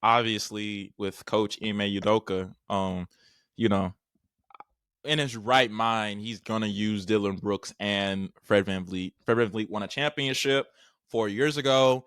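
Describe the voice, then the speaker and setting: A man hosting a podcast in casual chat, relaxed and slangy with plenty of fillers. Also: fairly low pitch, unhurried, smooth, dry recording, clean studio sound. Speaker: podcast host.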